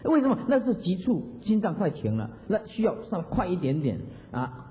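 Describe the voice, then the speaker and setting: A fairly high-voiced man with a warm, mellow tone gives a Buddhist dharma talk, breaking into slow chant examples and chuckling as he explains. The recording is dull and lo-fi, with a long hall echo. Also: big pitch swings, a little hiss or hum. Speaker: Buddhist monastic teacher.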